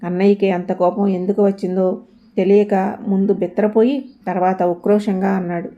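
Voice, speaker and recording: A woman narrating a story in a steady, even reading voice. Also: medium pitch, normal speed, highs cut off.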